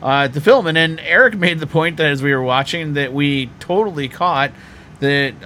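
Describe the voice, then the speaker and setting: A man's voice: on the high side, normal speed, sharp tone, slight background noise. A man hosting a podcast, reading promos and chatting about his show's subject. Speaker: podcast host.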